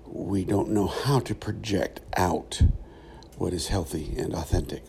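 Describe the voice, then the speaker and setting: A middle-aged man reflects aloud in a solo podcast. His voice is dark and gravelly, and he speaks slowly and thoughtfully with many pauses. There is faint noise in the background. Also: low voice. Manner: thoughtful, halting, pausing often. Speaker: podcast host, former pastor.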